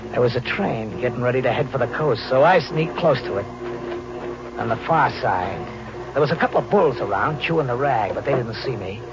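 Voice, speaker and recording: A grim, wary mood comes through as an actor, in a mid-range, expressive, brisk male voice close to an everyday one, narrates in the first person as a hunted, desperate, vengeful drifter on the run. It's a 1940s radio thriller with tough slang and melodramatic, haunted delivery. The recording is old, noisy, and muffled, with hum.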